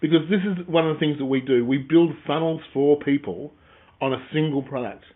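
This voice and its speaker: A man's voice: fairly high pitch, brisk. Guy cohost chatting business, jokey storyteller, sounds like a phone line. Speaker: podcast co-host. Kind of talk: casual business chat.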